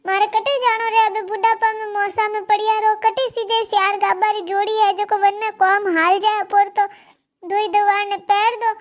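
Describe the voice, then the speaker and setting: A woman's voice: very high voice, little pitch movement, moderate pace. A woman voicing a grumbling older grandmother in a cartoon comedy, speaking with a Marwari accent and complaining and scolding. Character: grumbling old grandmother with four sons. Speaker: cartoon character.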